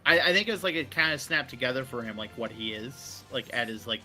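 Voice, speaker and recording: A man's voice: medium pitch, expressive, quick pace, bright, forceful tone, faint music behind. A man chatting on a gaming stream, rambling with lots of "like" and casual swearing.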